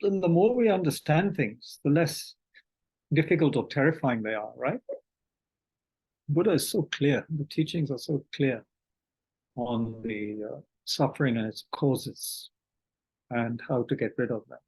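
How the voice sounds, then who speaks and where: A man teaches Buddhist meditation online, speaking haltingly with many fillers, restarts, and throat-clearing as he reads out questions from the chat. His voice is medium-pitched with a darkish tone, and the recording is rough.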